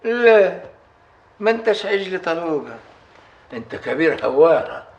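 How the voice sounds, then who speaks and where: Old Upper Egyptian chief, bedridden, scolding, high swooping voice, muffled TV audio. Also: male voice, very animated, unhurried. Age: older. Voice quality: commanding, scolding. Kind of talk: period TV drama acting.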